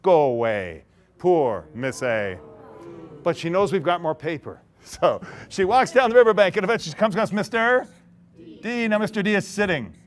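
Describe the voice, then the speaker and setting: A man's voice: high voice, animated, a little fast. A man giving an interactive keynote talk to a large audience. He tells a story, acts out its characters and laughs often. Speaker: keynote speaker. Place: large conference hall.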